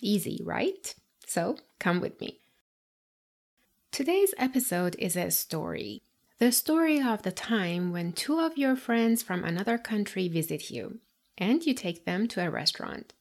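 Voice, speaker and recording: A woman's voice: mid-range voice, big pitch swings, a little mellow. Woman teacher guiding listeners with questions. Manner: addresses listener directly with guiding questions and pauses. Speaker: English teacher and podcast host. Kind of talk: scripted podcast lesson.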